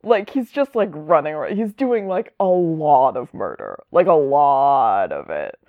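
A woman's voice: low voice, big pitch swings, measured pace, no echo, phone-quality sound. A woman chatting casually as a podcast host, rambling and enthusiastic. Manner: rambling, enthusiastic, lots of fillers. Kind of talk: casual chat.

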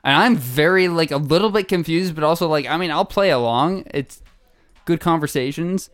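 A young man co-hosting a podcast, telling a story in a casual, animated way with laughs and acted-out quotes. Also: fairly high pitch, moderate pace, clean tone, no room sound. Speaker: podcast co-host.

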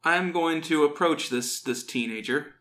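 Calm man playing a tabletop game. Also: a little high, measured pace. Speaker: player. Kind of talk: tabletop play.

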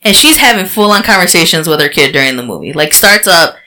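Bright-voiced profane woman telling stories. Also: fairly low pitch, fast, rough recording. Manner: animated, profane storytelling. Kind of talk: casual chat.

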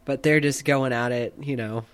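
A man's voice: medium pitch, fairly even intonation, normal speed, fairly bright tone. Laid-back man in a casual chat. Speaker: podcast co-host.

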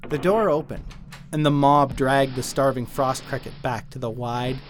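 Man narrating a dark fable. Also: mid-range voice, steady tone, normal speed, slight background noise. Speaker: writer and narrator. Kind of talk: scripted storytelling narration.

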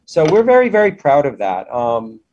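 A man's voice: on the high side, huge pitch swings, normal speed, a little mellow, highs cut off. A man speaking as an interview guest about his own business in an enthusiastic, effusive, conversational way.

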